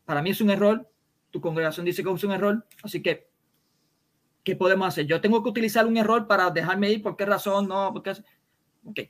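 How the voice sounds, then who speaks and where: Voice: mid-range voice, fairly even intonation, brisk. Voz insistente con acento caribeño. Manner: insistent, repeats points and fires rhetorical questions. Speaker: debater. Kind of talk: heated religious debate.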